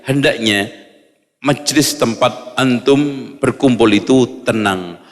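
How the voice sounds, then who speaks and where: A man preaching, reading Arabic lines and explaining them in a lively way, acting out little examples with humor. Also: medium pitch, takes it slowly, long reverb tail. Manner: lively, acts out examples, jokes with audience. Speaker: Islamic preacher.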